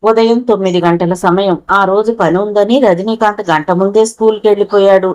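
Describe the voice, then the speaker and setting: A woman narrating a novel aloud in a steady storytelling voice. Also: mid-range voice, moderate pace. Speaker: audiobook narrator. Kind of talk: novel reading.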